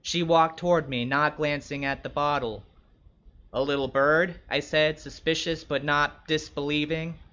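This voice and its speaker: Narrating in the first person as a young escort, a man performs a literary passage with a wary, suspicious mood. His voice is bright, forceful and a bit high, with a wry, measured delivery and a steady tone, though the recording sounds slightly dull.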